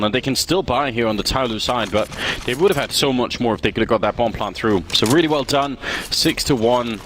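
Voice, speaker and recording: A man works as an esports caster, calling a live match in a mid-pitched voice. His delivery is excitable play-by-play mixed with analysis. Game gunfire and clicking are clearly heard behind him. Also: slight background noise.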